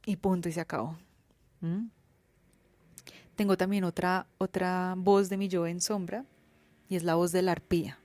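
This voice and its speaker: Colombian woman host, low-pitched, candid and slangy, dry close sound. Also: level tone, moderate pace, pauses often, darkish tone, no room sound. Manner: candid, colloquial, swears freely. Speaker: podcast host. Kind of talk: reflective personal monologue.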